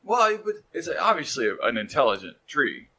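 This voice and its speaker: A man's voice: fairly high pitch, sing-song, moderate pace, over a noisy crowd. A young man from the American Midwest co-hosting a podcast in casual chat, joking and slipping into silly voices. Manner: joking, slips into goofy put-on voices. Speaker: podcast co-host.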